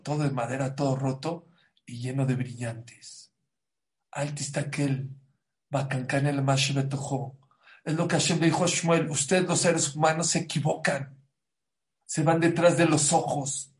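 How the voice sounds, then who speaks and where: A man giving a sermon, mixing a story into his teaching, swinging between loud emphasis and hushed asides. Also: mid-range voice, roomy sound. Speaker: religious teacher. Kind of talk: sermon with anecdote.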